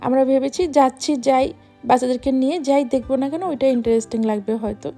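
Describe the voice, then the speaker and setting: A woman's voice: sits high, steady tone, fast talker, warm tone, soft background music. A woman from Bangladesh, a travel vlogger, narrating a voice-over in a reflective, explanatory way.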